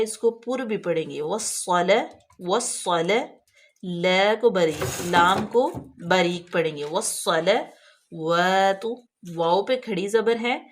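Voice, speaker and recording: A patient woman teaches careful recitation step by step. Her pitch sits in a typical middle range for a woman. She slows right down to stretch out each example word, then checks that her listener follows. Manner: patient, explains letter by letter, checks understanding. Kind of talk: tajweed lesson, slow drawn-out recitation of examples.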